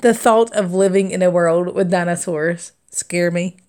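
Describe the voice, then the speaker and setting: A cross-stitch streamer in her thirties with a Southern US accent laughs often and talks casually while reading out viewer comments. Her voice is on the low side and darkish, unhurried, with fairly even intonation.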